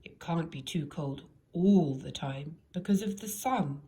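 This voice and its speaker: A woman's voice: deep voice, measured pace, mellow, husky. A woman voicing a wise old male storybook wizard who speaks in an emphatic, commanding manner. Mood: knowing, dismissive. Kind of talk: storybook character voice.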